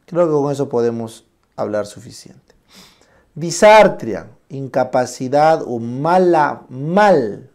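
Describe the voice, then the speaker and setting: Gravelly-voiced man lecturing. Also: mid-range voice, darkish tone. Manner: checks in constantly with short tag questions; names terms slowly and acts out examples. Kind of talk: classroom lecture.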